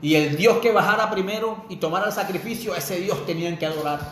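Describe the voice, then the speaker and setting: A man preaches with fervor and speed, his fairly bright voice sitting high for a man. He keeps turning to his listeners with pointed rhetorical questions, and the sermon rings through a roomy, echoey space with a faint hiss behind it.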